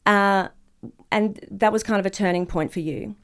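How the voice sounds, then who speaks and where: A woman hosts an interview podcast, thoughtful as she asks her questions. Her voice sits at an average pitch for a woman. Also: normal speed. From Australia. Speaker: podcast host.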